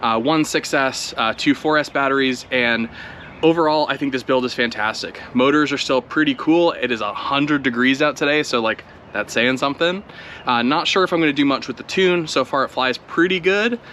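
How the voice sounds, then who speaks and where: A man giving relaxed, chatty commentary outdoors while he flies a drone, talking it through as he goes. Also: medium pitch, moderate pace, a little hiss or hum. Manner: relaxed, chatty, thinking aloud while flying. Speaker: drone video creator. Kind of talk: casual first-flight commentary.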